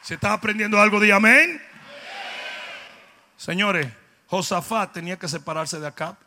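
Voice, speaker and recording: A man with a Dominican accent preaching a humorous sermon, telling stories with comic voices and building to loud, emphatic peaks. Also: sits high, moderate pace, a little hiss or hum. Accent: Dominican Spanish. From Dominican Republic. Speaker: pastor.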